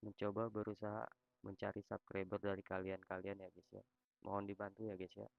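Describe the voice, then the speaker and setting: A low, gravelly male text-to-speech voice in the social media style, introducing a channel with casual slang. The delivery is robotic and repeats little tag phrases, in a dull, lo-fi and very dry recording. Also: completely flat delivery, a little fast, dry recording. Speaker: video channel host.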